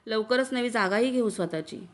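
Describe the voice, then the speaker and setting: A woman's voice: on the high side, normal speed, natural voice. A boastful, self-assured husband who coaxes his wife with big promises, read by a woman narrator in her plain voice. He sounds confident and persuasive in this storybook reading. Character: boastful husband, middle-aged man, smooth talker.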